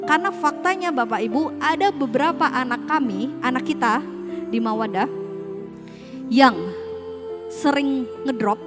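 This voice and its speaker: High-voiced woman giving a parenting talk. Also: measured pace, long pauses, over music. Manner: addresses parents directly with rhetorical questions; conversational, mixes casual slang. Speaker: school staff speaking to parents. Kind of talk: parenting seminar talk with slides.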